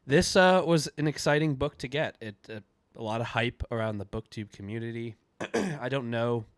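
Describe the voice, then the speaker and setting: Hosting a book review video, a man chats casually while congested from a cold, his voice stuffy and nasal. His pitch is medium and his tone clear and resonant, with no room sound, and his talk is loose, full of fillers and restarts.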